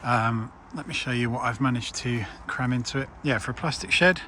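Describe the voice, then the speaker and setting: A man's voice: medium pitch, brisk. A man chatting casually to camera as a DIY vlogger, self-deprecating, recorded outdoors by a busy road. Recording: clear background road noise. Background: road traffic noise.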